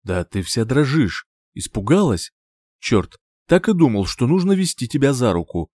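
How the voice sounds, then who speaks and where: A man's voice: mid-range voice, sing-song, normal speed, a little mellow, no room sound. A teasing young man with a protective streak who ribs and scolds in the same breath, played by a male audiobook reader. The voice stays near the narrator's own and is heard in a dry, close recording.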